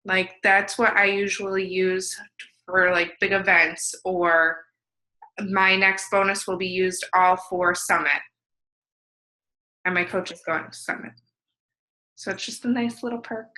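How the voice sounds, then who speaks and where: Woman co-host, bright sharp tone, enthusiastic explainer. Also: medium pitch, fairly even intonation, unhurried, long pauses, low-quality recording. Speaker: team call co-host. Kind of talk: casual conference call.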